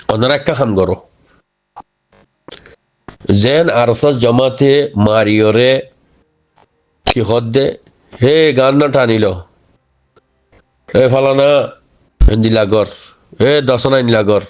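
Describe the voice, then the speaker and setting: A man with a Rohingya accent close to Chittagonian speaks informally to his community, exhorting them and often checking with rhetorical questions that they follow. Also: medium pitch. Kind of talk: informal spoken address.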